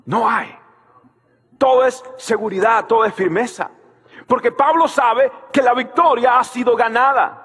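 A man preaching a sermon as pastor, telling a story and shouting out key lines while he asks the crowd to answer him. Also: very high-pitched, unhurried, breathy edge, in a large hall.

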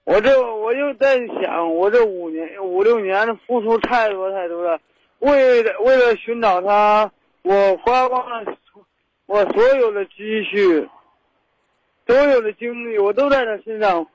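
High-voiced man, earnest caller. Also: lo-fi sound, a little hiss or hum. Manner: earnest, halting, keeps asking if understood. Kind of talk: call-in advice talk.

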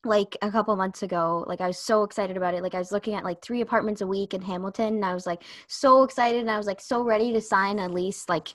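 A woman's voice: medium pitch, fairly even intonation, fast, few pauses, a bit bright, no room sound. A young woman hosting a podcast, chatting casually, giggly and full of "like". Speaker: podcast host. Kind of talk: casual chat.

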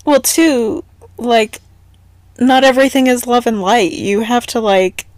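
A woman's voice: fairly high pitch, a little slow, dry recording, clean studio sound. A woman co-hosting a podcast in casual chat, teasing and laughing along. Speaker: podcast co-host.

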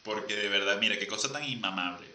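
A man's voice: lowish voice, fast, pushed and bright, distant mic. A young man with a Venezuelan accent, joking and teasing in a casual chat. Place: lives in Argentina. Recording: roomy, off-mic with faint noise.

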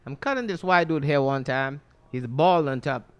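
A man's voice: on the high side, moderate pace, clean tone. A man with a Caribbean accent, a barber telling funny stories in casual chat at a barbershop, laughing often. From Saint Lucia. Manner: animated, laughing storyteller. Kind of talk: casual storytelling.

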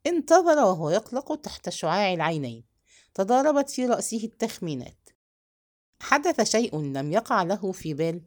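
A woman narrating a novel as an audiobook, reading in an expressive, measured storytelling manner. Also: mid-range voice.

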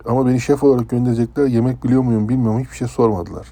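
A man from Turkey, a former ship's chef, casually recounting a personal story in a conversational, animated way. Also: medium pitch, rapid-fire, no room sound. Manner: conversational, animated when telling dramatic parts.

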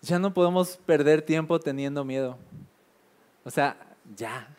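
A man's voice: a little high, measured pace, darkish tone. A man preaching a casual sermon, chatty with frequent filler tags and emphatic repetition.

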